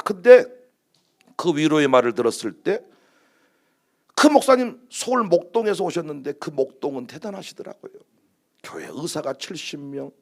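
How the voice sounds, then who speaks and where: Animated gravelly high-pitched male pastor. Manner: animated storytelling with acted-out quotes. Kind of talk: sermon.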